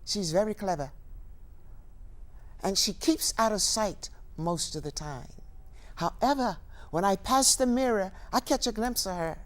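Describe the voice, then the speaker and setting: An older woman performing a dramatic stage monologue, speaking deliberately with long pauses. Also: mid-range voice. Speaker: actor.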